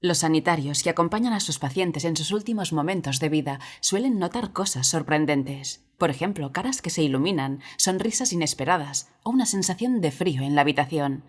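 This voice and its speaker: Low-voiced woman narrator. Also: animated, brisk, hardly any pauses. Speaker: host narrator. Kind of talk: scripted narration.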